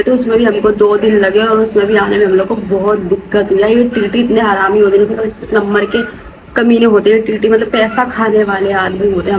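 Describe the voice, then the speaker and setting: A woman's voice: mid-range voice, dull audio. A young woman chatting casually and at length while cooking, recorded on a phone in her home kitchen. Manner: rambling, talkative, peppers speech with "matlab" and "yaar". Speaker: vlogger. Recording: noisy phone recording with room ambience.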